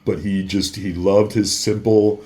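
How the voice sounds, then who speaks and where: This man, a podcast guest and former security worker for celebrities, recounts anecdotes casually and reenacts the exchanges. His voice is on the low side and darkish, a little slow, with little pitch movement.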